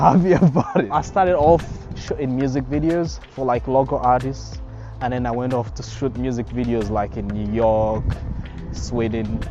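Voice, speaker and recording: A man's voice: medium pitch, dark tone. Upbeat young man, slightly muffled. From Democratic Republic of Congo. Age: 20s. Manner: upbeat, conversational, frequent "you know". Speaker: filmmaker and DJ. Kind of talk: documentary interview. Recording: slightly muffled, with faint music behind.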